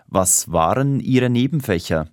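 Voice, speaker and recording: A man with a lowish voice, lively intonation and unhurried pace plays a formal, businesslike head of personnel interviewing an applicant in a scripted dialogue for language learners. The recording is studio quality with no room sound.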